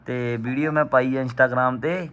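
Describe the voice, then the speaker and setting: A man's voice: medium pitch, fairly even intonation, measured pace, fairly bright tone. A man with a Punjabi accent chatting casually in a family vlog at home, coaxing and consoling his relatives and repeating himself. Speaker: vlogger filming his family.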